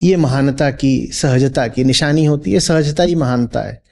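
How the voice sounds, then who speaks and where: A man's voice: mid-range voice, unhurried, gravelly, mellow. A man teaching as a spiritual teacher in a discourse, posing rhetorical questions and checking in with his listeners.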